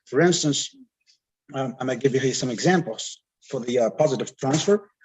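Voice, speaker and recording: A man from Algeria with a North African, Algerian accent and Arabic as his first language, giving an explanatory academic answer in a halting way. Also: mid-range voice, slightly rough, low-quality recording. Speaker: conference panelist.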